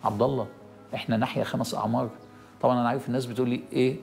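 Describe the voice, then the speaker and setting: A middle-aged Egyptian preacher with a gravelly, creaky voice talks quickly and with emphasis, hammering home his key phrases. He speaks straight to the listener, and faint music plays under his sermon. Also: mid-range voice, level tone, darkish tone. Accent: Egyptian Arabic.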